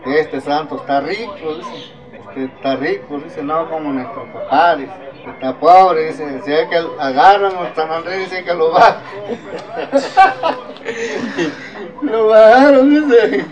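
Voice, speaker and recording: A man's voice: fairly high pitch, slow pace, a crowd in the background, low-quality recording. Older man telling a folk tale with Oaxacan accent. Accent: Oaxacan Spanish. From Mexico. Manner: repeats "dice" constantly, lively retelling of quoted voices. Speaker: oral tradition storyteller. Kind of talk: oral folk storytelling.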